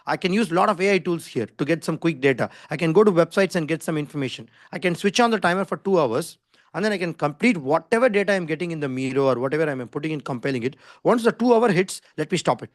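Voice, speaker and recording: A design skills instructor with an Indian English accent runs an online class over a video call with screen share, speaking at a rapid clip. His slightly high voice is dry and close with no room sound, and his intonation is lively. He explains insistently and informally, repeating points and frequently checking that students understand.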